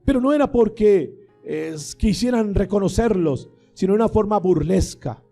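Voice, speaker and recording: A male pastor preaches with fervent, emphatic conviction, slipping into the voices of the people he quotes. His voice sits high for a man yet sounds very dark and mellow. Soft music plays faintly underneath. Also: expressive, normal speed, vocal fry. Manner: impassioned preaching, acting out voices of believers and critics. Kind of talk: sermon.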